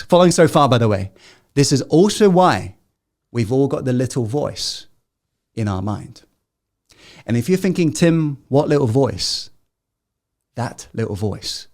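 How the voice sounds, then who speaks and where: Dramatic motivational man, high-pitched. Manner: dramatic, swings between loud emphatic and hushed intimate delivery; rhetorical questions and direct audience prompts. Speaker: motivational speaker hosting a masterclass. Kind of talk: live motivational masterclass talk.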